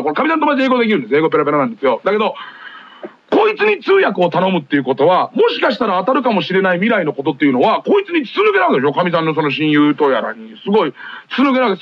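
A man's voice: high voice, slight background noise. A man hosting a late-night radio show, telling rambling comic stories with frequent laughs, taped off the air in lo-fi. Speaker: radio host. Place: radio studio.

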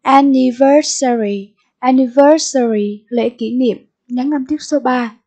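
Slow, high-voiced Vietnamese woman teacher. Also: steady tone, warm tone, slightly rough. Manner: repeats each word slowly, then gives the meaning and stress. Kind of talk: recorded English vocabulary lesson.

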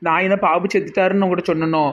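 A woman's voice: on the low side, steady tone, very fast, muffled recording, close to an everyday voice. A woman playing a scatterbrained, rambling young wife in a comedy skit, with a Tirunelveli Tamil accent. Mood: muddled. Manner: rambling, confused.

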